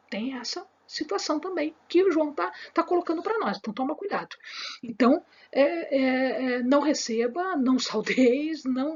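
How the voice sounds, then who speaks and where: High husky woman teaching the Bible. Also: muffled recording. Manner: emphatic, repetitive, many fillers and restarts; speaks with her hands. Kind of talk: spoken Bible lesson to camera.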